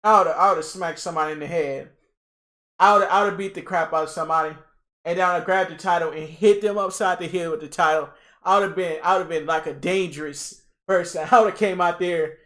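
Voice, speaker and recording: A young man hosting a casual livestream reaction, excitable and rambling, repeating himself and talking to his chat. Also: on the high side, brisk. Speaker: livestream host.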